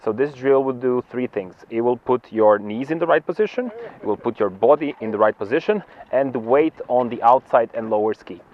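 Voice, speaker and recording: A man's voice: mid-range voice, fairly quick. A man working as a ski instructor, explaining technique outdoors. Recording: muffled outdoor recording with background noise.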